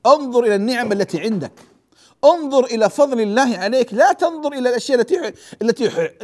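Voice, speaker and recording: Man, religious lecturer, high voice, very lively pitch, asks questions and answers them. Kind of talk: classroom hadith lecture.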